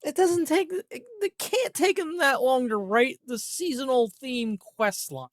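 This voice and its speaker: Man putting on a whiny, high-pitched online apologist, mocking imitation in a gaming rant. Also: a little slow, a bit bright, dry recording, clean studio sound, full character voice. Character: whiny online commenter making excuses for developers.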